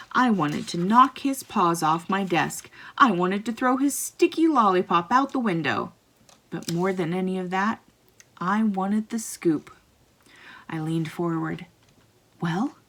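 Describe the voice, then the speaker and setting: A woman's voice: fairly low pitch, a bit bright. A woman reading a children's story aloud, telling it expressively in the first person. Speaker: children's book reader.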